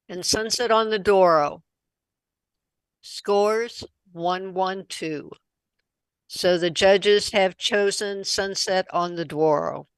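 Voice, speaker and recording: A woman moderating a camera club competition, calling judges and announcing scores in a brisk, businesslike way. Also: mid-range voice, no room sound, rough recording.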